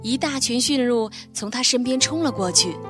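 A young woman telling a children's bedtime story in a gentle, expressive reading voice. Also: on the high side, normal speed, music in the background.

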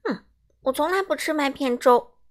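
Woman putting on a fussy little girl, haughty, complaining, high and loud, children's storybook voice. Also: normal speed, natural voice. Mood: huffy.

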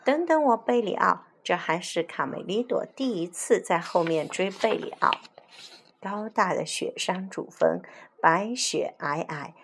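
A woman reading a children's picture book aloud in an expressive, animated storytelling manner. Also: on the low side, measured pace, background noise.

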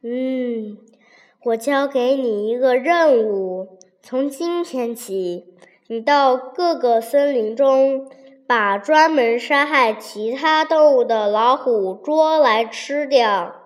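A small deer putting on a solemn, commanding emperor's voice, slow and hushed, as a woman reads it. The voice stays high despite the gravity. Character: Jade Emperor as mimicked by a deer.

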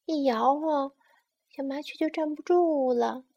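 A woman reading a bedtime story aloud to a child in a slow, gentle manner. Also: high-pitched, lo-fi sound.

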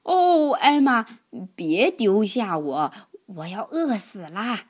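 A woman voicing a mischievous young male elephant in a children's storybook, calling out in a high, stretched, squeaky voice. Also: sing-song, slow pace, slightly rough, full character voice. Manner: high squeaky calls, drawn out.

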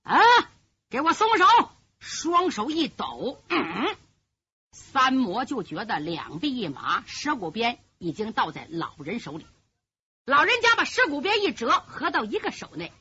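A woman's voice: a little high, very animated, a little slow, pushed and bright, slightly rough. A woman telling a traditional martial arts story in a vivid, dramatic way. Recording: dull lo-fi recording.

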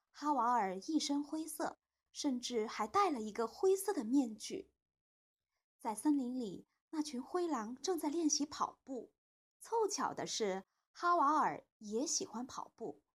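A woman narrates a children's storybook in a high, lively voice that rises and falls a great deal. Her tone is gentle and expressive, with a soft, breathy texture. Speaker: storytelling host, a mother.

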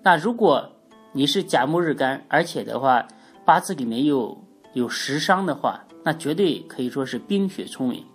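Low, stuffy-nosed woman teaching. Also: expressive, moderate pace, slightly rough, soft background music. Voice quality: stuffy nose, congested nasal sound. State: has a cold. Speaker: teacher of Chinese astrology, hosting an audio programme. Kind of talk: spoken lesson, explanatory monologue.

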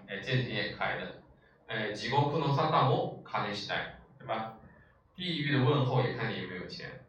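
A mid-range, slightly bright male voice gives a classroom-style language lecture in an echoey room, far from the mic with faint noise. He's explanatory and patient, often checking in with his listeners through rhetorical questions and frequent filler sounds.

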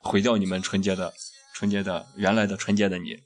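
A man's voice: deep voice, level tone, fairly quick. A man hosting a radio show in a casual, irreverent chat full of crude slang. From Shaanxi, China. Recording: music behind the voice. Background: background music.

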